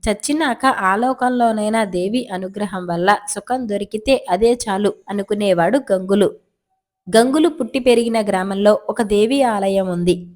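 A woman narrating folk tales from a children's story magazine in a steady, scripted reading. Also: medium pitch.

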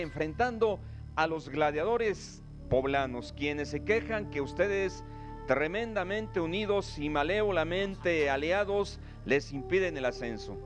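A middle-aged Mexican man working as a wrestling commentator and interviewer on lucha libre. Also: on the high side. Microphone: handheld microphone. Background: music.

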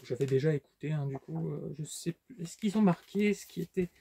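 A man's voice: a little high, fairly quick, vocal fry, dark tone, slightly rough. A man casually showing his book collection in a vlog, talking with lots of fillers and restarts. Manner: hesitant, many fillers and restarts. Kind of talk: casual unboxing vlog chat.

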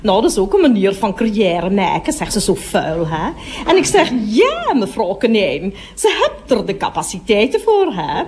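A woman's voice: medium pitch, wildly swooping pitch, normal speed, a little mellow, a little hiss or hum. An actress playing a gossipy middle-aged woman toilet attendant in a radio comedy monologue, chattering on and breaking off to speak to customers.

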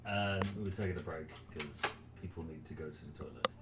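A man's voice: very deep voice, steady tone, brisk, background noise. A man running a livestreamed tabletop game, blunt, sweary and laid-back in casual chat.

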